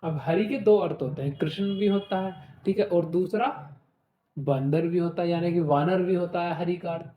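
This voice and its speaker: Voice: mid-range voice, moderate pace, echoey room, phone-quality sound. A Hindi teacher leading an exam-prep class, explaining with everyday examples, asking questions and checking in often. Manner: asks rhetorical questions and says "ठीक है" often.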